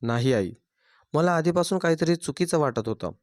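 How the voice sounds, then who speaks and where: A man voicing a young bride wrongly accused of theft, speaking quietly and firmly in a dry recording. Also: fairly high pitch, lively intonation, normal speed, no echo, voice pushed up, natural voice. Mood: firm calm. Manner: quiet, firm, composed.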